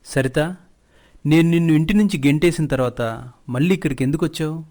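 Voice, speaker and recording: A man's voice: on the high side, fairly quick, darkish tone, natural voice. A man voicing a scheming, spiteful sorceress woman in a narrated storybook, speaking in a cold, taunting way.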